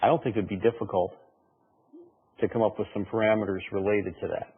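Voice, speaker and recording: Man, husky, low-pitched, board member, step-by-step argument, lo-fi sound. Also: fairly even intonation, a little fast. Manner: explanatory, builds an argument step by step. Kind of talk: public meeting discussion. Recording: tinny lo-fi meeting audio.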